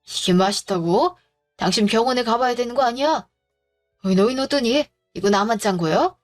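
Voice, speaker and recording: 여성이 연기하는 호통치는 깐깐한 시아버지. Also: female voice, fairly high pitch, moderate pace, faint music behind, lightly acted. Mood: scolding. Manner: gruff scolding. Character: stern grumpy older father-in-law.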